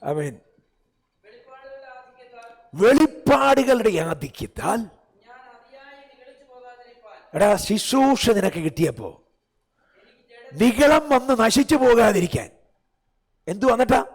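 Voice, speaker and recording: A male pastor with a Malayali accent preaching a fervent sermon to his congregation, swinging between drawn-out cries and low, quick asides and firing rhetorical questions at the crowd. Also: very animated. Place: large church hall.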